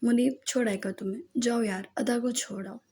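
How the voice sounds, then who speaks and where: A woman's voice: a little high, steady tone, brisk, darkish tone, close to an everyday voice. A woman voicing a mischievous, teasing young man in an audiobook novel, with a playful manner.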